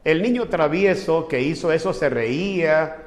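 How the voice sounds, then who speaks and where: A man's voice: a little high, measured pace. A man preaching as a pastor, explaining earnestly and retelling a visit with quoted dialogue. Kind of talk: sermon with personal anecdotes. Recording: echoey hall with long reverb.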